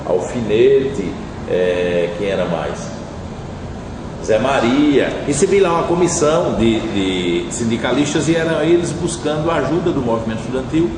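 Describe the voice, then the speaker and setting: A middle-aged man, recalling past events in a measured, reflective interview. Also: mid-range voice. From Brazil. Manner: measured, reflective, with frequent tag questions. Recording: distant, echoey, noisy room.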